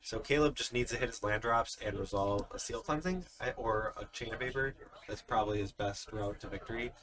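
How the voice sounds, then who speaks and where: A man's voice: fairly low pitch, fairly quick, a bit bright. A man giving live card game commentary, explaining the plays step by step in an analytical way. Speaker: tournament commentator.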